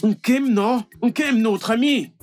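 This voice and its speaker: A man's voice: extremely high pitch, takes it slowly. A man dubbing, in French, the role of an idle young villager who gossips and chases women. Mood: excited. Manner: excitable and gossipy. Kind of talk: French film dub. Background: background music.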